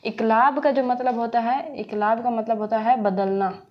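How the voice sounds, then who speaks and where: A woman's voice: on the high side, steady tone, moderate pace, muffled recording. A woman teaching a recorded tajweed lesson, patient, repeating key points and answering her own questions. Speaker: Quran teacher.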